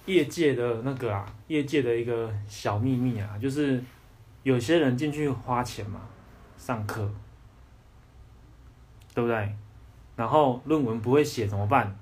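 A young man with a Taiwanese Mandarin accent talks on a casual livestream podcast. His voice is husky and mid-pitched. He rants in a blunt, heated way and swears often. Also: measured pace, pauses often, a little mellow. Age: young adult. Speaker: podcast host.

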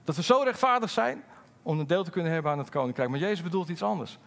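Middle-aged male pastor, fairly high voice, sermon delivery, candid and lively, drops low for asides. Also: vocal fry. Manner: lively, swings from loud emphasis to low confiding asides; candid, halting storytelling with fillers.

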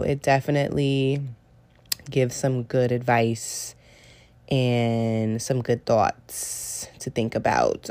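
A woman's voice: very deep voice, a little mellow, dry recording. A woman in her late twenties, from the San Francisco Bay Area, hosting a casual solo podcast in a chatty, slangy way. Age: late 20s. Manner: chatty, informal, uses slang. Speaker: podcast host.

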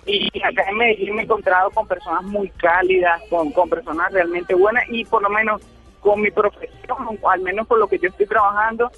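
A Venezuelan man calling a radio show, speaking haltingly with many fillers. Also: high voice, fairly even intonation, faint music behind. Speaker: caller. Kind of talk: radio call-in chat. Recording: dull phone-line call.

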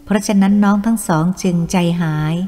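A woman's voice: medium pitch, a little fast, dark tone, close to an everyday voice. A woman voicing a young village woman under twenty who speaks with earnest pleading, read in a Thai audiobook. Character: young village woman, frightened then resolute. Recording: long reverb, faint music.

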